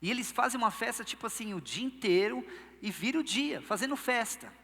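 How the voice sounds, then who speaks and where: A man's voice: extremely high pitch, lively intonation, fairly quick, fairly bright tone, in a large hall. A male pastor with a Brazilian Portuguese accent preaching a sermon, telling stories playfully and acting out quotes. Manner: playful storytelling, acts out quotes. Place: church service.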